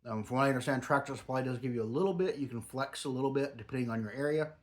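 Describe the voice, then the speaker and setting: Here the older man, a grandfather reviewing products at home, talks very fast at medium pitch. He rambles casually, his words shaped by a lip full of dip.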